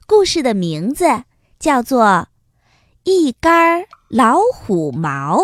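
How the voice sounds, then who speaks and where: A woman narrating a children's story in a gentle, sing-song storybook manner. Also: a little high, sing-song, takes it slowly, no room sound, studio quality.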